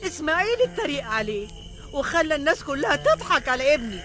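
A woman's voice: high-pitched, sing-song, quick pace, music in the background. An actress with an Egyptian Arabic accent playing Sarah, a protective, jealous mother who speaks insistently. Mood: pleading. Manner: insistent, pleading.

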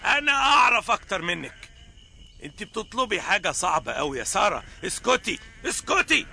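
An actor with an Egyptian Arabic accent playing Abraham, an elderly patriarch, firm and commanding, turning to prayer. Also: male voice, high voice, sing-song, quick pace, creaky, pushed and bright, slight background noise, heavily acted. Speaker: actor in dubbed biblical drama.

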